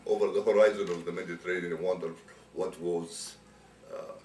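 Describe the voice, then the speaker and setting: A man's voice: sits low, steady tone, a little fast, darkish tone. An older man from Egypt, answering interview questions with frequent hesitations. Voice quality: hesitant, many uhs. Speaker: interviewee, student's father. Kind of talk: recorded interview. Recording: roomy, distant, faint noise.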